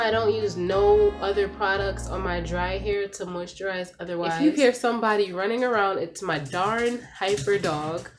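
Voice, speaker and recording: A young woman vlogging to camera in a candid, chatty way, sounding a little congested from a cold. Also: medium pitch. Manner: chatty and candid, says "like" and "y'all" a lot. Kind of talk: casual talk to camera. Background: music, dog noise.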